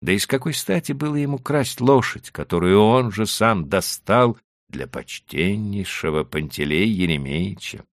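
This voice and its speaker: Man narrator, audiobook, expressive, gravelly, bright tone, dry close sound. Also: fairly low pitch, moderate pace, no room sound. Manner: expressive storytelling. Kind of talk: scripted narration.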